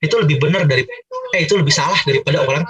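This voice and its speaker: A man's voice: fairly high pitch, rapid-fire, fairly bright tone, recorded from a distance, rough recording. A man from Manado leading a casual Bible discussion for a cell group, chatty and teasing with many fillers.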